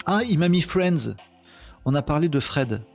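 A man's voice: fairly high pitch, expressive, a little slow, vocal fry, highs cut off, faint music behind. A man hosting a live online show, chatting casually and mocking himself with lots of fillers. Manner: joking, self-mocking, chatty with many fillers. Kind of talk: casual live-stream chat.

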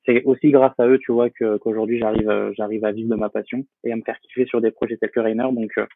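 Young male guest, halting and filler-heavy, on a tinny dry call line. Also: lowish voice, flat delivery, vocal fry, husky, no echo. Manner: hesitant, many fillers and restarts. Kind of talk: casual interview talk.

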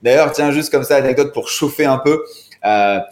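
Man, podcast guest, casual rambling chat, middle pitch, roomy echo. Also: moderate pace. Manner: rambling, chatty, many restarts. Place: apartment room. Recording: echoey room sound.

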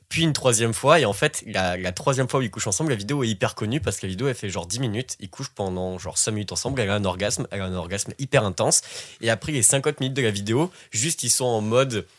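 A man's voice: lowish voice, quick pace. A man chatting casually as a podcast guest, rambling through a story with many fillers. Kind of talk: casual chat.

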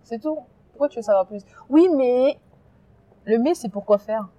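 French woman in an interview, warm mellow tone, gets emphatic, lots of restarts. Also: fairly high pitch, normal speed, muffled recording. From France. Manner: animated, emphatic, talks with many restarts. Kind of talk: casual interview.

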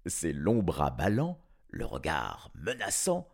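Brief: male narrator, slow and very animated children's storytelling, gravelly tone. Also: rumbling low. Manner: expressive, dramatic storytelling.

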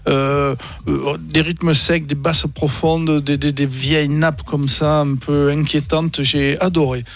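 A man's voice: on the high side, flat delivery, takes it slowly, creaky. A man on a radio show presenting electronic tracks, enthusiastic and full of hesitant fillers.

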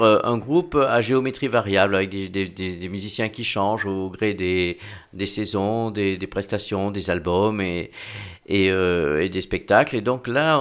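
A man presenting a music band on a radio show, talking casually with many fillers and restarts. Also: on the low side. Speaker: regular music show contributor.

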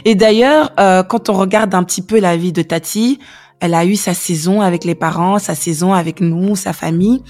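A woman's voice: fairly low pitch, moderate pace, darkish tone. Chatty French-speaking woman podcast host. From Belgium. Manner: chatty, many fillers and restarts. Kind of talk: warm conversational podcast interview.

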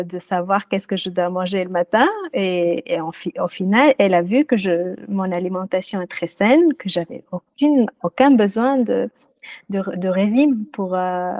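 A woman guest telling her personal story in a casual interview, earnest and reflective, often pausing to search for words. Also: mid-range voice, darkish tone, no room sound. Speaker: podcast guest, music therapist.

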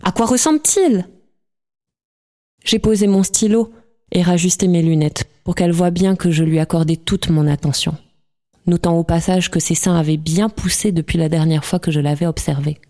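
A woman reads a literary novel aloud in calm, measured narration. Her voice sits low and sounds mellow and warm. She keeps an even, unhurried reading pace. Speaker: audiobook reader.

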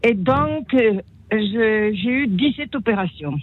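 A woman's voice: on the high side, lively intonation, slow pace, dry recording. An elderly woman, telling personal stories in a rambling, exclamatory, joyful way as a phone-in caller. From France. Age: elderly, great-grandmother. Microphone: telephone. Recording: dull band-limited phone call on radio.

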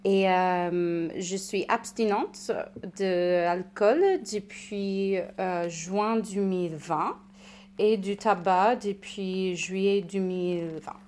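A woman from the United States with an American accent, English her first language, speaking French as a podcast guest and telling her own story with many pauses and restarts. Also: medium pitch, fairly even intonation, a little mellow, a little hiss or hum. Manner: hesitant, many restarts and fillers. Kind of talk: personal testimony in conversation.

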